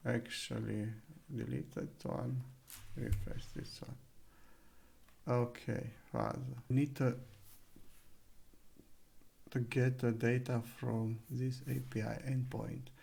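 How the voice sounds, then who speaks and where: A man's voice: mid-range voice, little pitch movement, slow, gravelly, pauses often, darkish tone. A man narrating a live coding screencast, thinking aloud with many fillers and self-corrections, at a desk microphone. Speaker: coding tutor. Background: keyboard typing and clicks.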